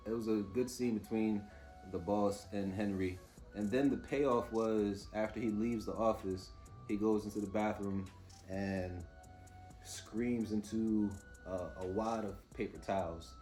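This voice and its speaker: A man's voice: fairly low pitch, fairly even intonation, unhurried, warm tone, soft background music. A man giving a casual, off-the-cuff TV review, informal and opinionated as he mulls things over aloud. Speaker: host reviewing TV episodes.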